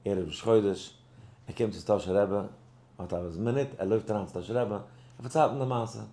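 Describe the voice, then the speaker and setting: A lower-pitched man leads a Torah lesson, stumbling through restarts and then jumping high as he plays the voices in his tale. English words slip into his speech now and then. The recording has a noticeable roomy echo. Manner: animated, acts out dialogue in the story with sudden high pitch jumps; halting, many restarts and repeated words. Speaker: rabbi teaching a Torah class.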